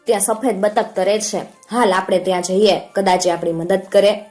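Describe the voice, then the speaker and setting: A woman voicing a calm, clever young boy who speaks in a reassuring way. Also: medium pitch, normal speed, faint music behind, lightly acted.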